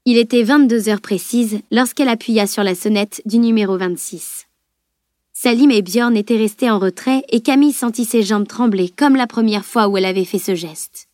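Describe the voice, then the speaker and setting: A woman narrating an audiobook with an even, measured reading. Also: a little high, no room sound, clean studio sound. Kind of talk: scripted narration.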